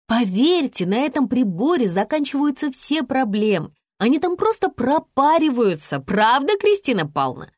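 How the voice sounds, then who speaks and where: A woman's voice: high voice, sing-song, normal speed, hardly any pauses, a little mellow, dry recording, clean studio sound, voice pushed up. A woman voicing a sugary, scheming female nurse who coos in a sing-song way in an audiobook. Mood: cooing.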